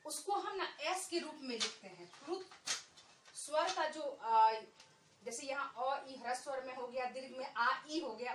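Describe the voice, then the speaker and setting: A Hindi teacher gives an online lesson to children in a high, fairly bright voice, speaking slowly and patiently, repeating points and stretching out the vowels she demonstrates. She is a bit off-mic and distant, so room echo and a faint hum come through.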